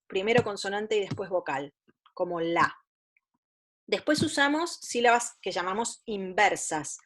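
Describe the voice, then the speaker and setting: A woman psychopedagogue giving an explanatory lecture to parents, patiently listing items one by one and now and then stumbling and correcting herself. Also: medium pitch. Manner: patient, methodical, lists items step by step.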